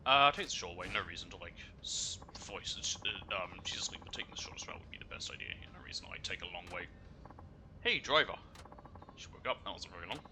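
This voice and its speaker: Low-voiced man muttering game commentary, very bright. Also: animated, fast talker, hardly any pauses, a little hiss or hum. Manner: muttering, thinking aloud. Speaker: gamer doing a playthrough.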